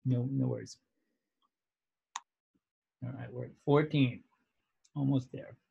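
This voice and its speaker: A man's voice: mid-range voice, steady tone, slow, vocal fry, mellow, slightly rough, dull audio. Chatty New man teaching code. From New York. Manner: casual, chatty, frequent "right?" checks. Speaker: coding instructor. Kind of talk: live online coding class.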